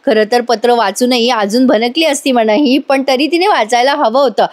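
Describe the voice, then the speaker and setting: A woman's voice: on the high side, normal speed. A woman doing a voice-over recap of a TV serial, chatty and talking straight to her viewers. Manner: chatty, speaks to viewers directly. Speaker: serial reviewer.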